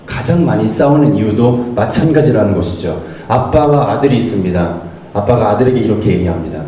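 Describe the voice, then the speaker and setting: A middle-aged man preaches with a lively, swinging delivery, acting out little quoted lines. His voice is mellow and warm. It was recorded at a distance in a very echoey church hall with faint noise behind. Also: on the low side, fairly quick. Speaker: associate pastor. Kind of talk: sermon.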